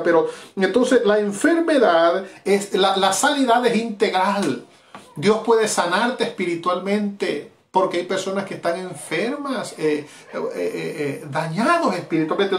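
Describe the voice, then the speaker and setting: The preacher, a middle-aged Venezuelan man, has a voice that sits high and echoes around him. He delivers an ardent evangelistic sermon over a live stream, repeating key lines for emphasis.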